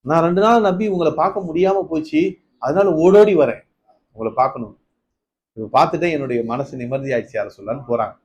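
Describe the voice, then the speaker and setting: A man's voice: fairly quick, a little mellow, muffled recording, a little hiss or hum. Man preaching a storytelling sermon. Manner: storytelling, rising to emphatic peaks then dropping low; questions to the listeners. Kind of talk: Ramadan night sermon.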